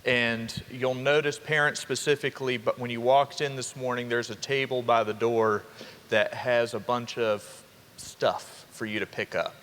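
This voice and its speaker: A young man, a college dean of students giving an upbeat orientation welcome to students and parents, with quick asides to the crowd. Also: mid-range voice, a bit bright, slight background noise. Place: large hall. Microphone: handheld microphone. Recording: reverberant hall with faint ambience.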